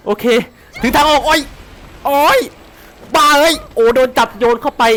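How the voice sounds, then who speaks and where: A man commentating his game playthrough in an excitable way, swearing and laughing as he plays. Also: extremely high pitch, normal speed. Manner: excitable, swears and shouts often; laughs a lot. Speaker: gaming YouTuber.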